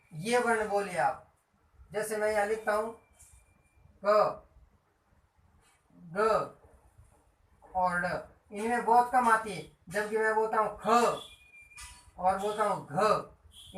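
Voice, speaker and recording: A man's voice: high voice, a bit bright, distant mic. A man giving a grammar lesson who keeps repeating points and quizzing his listeners with questions. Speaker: Hindi grammar teacher. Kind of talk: classroom-style grammar lesson. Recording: echoey room, voice off-mic.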